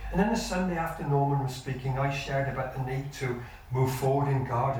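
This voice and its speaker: Earnest older pastor preaching. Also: male voice, darkish tone, slight background noise. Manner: earnest, measured preaching with trailing low endings. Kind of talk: sermon. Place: church hall. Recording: echoey church hall from far off.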